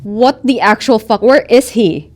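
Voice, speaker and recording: A woman voicing an angry woman who yells and accuses others in a tabletop game. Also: high-pitched, big pitch swings, slow pace, voice pushed up, exaggerated voice. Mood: furious. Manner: yelling, accusing. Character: furious woman, loud and demanding.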